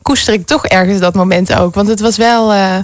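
A woman shares a personal story openly in casual talk, her voice pitched in a mid range. She stops on small fillers now and then, and the recording is close and dry. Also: steady tone, fairly quick, no echo. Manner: candid, frequent fillers and restarts.

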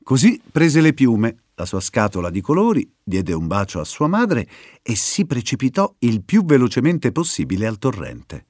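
A man reading a children's story aloud as its narrator, in an expressive storytelling way. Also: mid-range voice, normal speed, no room sound, studio quality.

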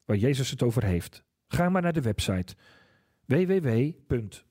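A man's voice: mid-range voice, very animated, moderate pace, warm tone. A man preaching a sermon in an earnest, questioning way, repeating key phrases. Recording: church service broadcast on radio.

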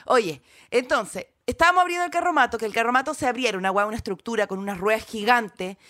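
A Chilean woman in her thirties co-hosting a podcast, telling animated stories full of local slang. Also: on the high side, fast talker. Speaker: podcast co-host. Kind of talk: casual chat.

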